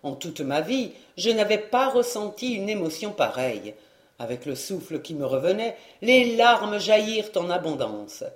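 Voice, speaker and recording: A man reading a classic novel aloud as an audiobook, in measured storytelling. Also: high-pitched, very animated. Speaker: audiobook reader. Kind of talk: audiobook narration. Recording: roomy echo.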